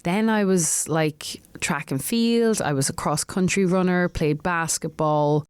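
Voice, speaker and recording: An Irish singer-songwriter from Ireland chats casually as an interview guest, laughing often and restarting her sentences. Her voice sits on the low side, unhurried and clean in tone, captured in a dry recording.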